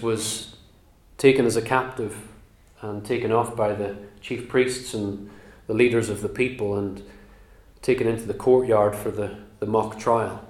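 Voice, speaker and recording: A man preaching a sermon, teaching the Bible in an earnest, emphatic way with measured pauses. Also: mid-range voice, darkish tone. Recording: roomy echo.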